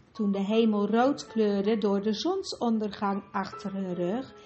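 A woman's voice: fairly high pitch, darkish tone, muffled recording. Woman narrating a storybook. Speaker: audiobook narrator. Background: faint music.

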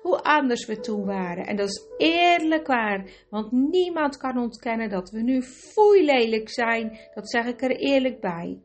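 A woman's voice: on the high side, big pitch swings, measured pace, hardly any pauses. A woman voicing the pompous, long-winded chief of a band of one-footed creatures in a storybook reading.

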